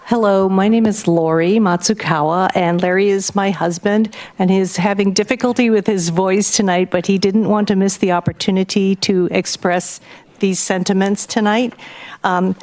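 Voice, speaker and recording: A woman at a city council meeting, reading a prepared statement on her husband's behalf in a measured, formal way. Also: medium pitch, a little mellow. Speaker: public commenter speaking for her husband.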